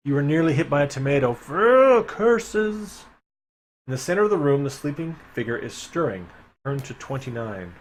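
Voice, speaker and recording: A man's voice: medium pitch, lively intonation, fast. A man streaming a live reading of an adventure gamebook, reading passages aloud and making chatty, wry asides to his chat. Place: home streaming setup.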